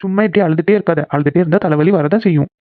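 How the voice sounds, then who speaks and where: A bossy but caring young man in a cartoon, as a voice actor puts him on, talks fast as he coaxes and gently scolds a friend. The sound is tinny and phone-like, with no room around it. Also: mid-range voice, no echo, close to an everyday voice. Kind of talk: cartoon voice acting.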